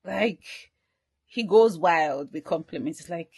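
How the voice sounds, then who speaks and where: A woman's voice: fairly low pitch, lively intonation, unhurried, darkish tone, slightly rough. A young woman hosting a casual video review of a romance film, chatty, with many fillers and frequent laughs. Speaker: movie reviewer.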